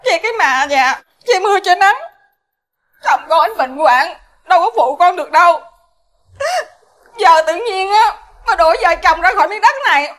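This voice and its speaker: An actress playing an aggrieved, defiant young daughter-in-law with a Southern Vietnamese accent, pleading and emotional. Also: female voice, very high-pitched, expressive, moderate pace, a bit bright.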